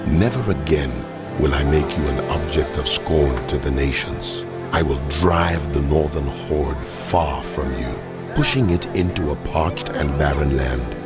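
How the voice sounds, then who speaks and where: An actor playing God as a mighty, commanding deity in a dramatized scripture reading, solemn, weighty and deliberate. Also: male voice, rumbling low, over loud music. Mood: stern assurance.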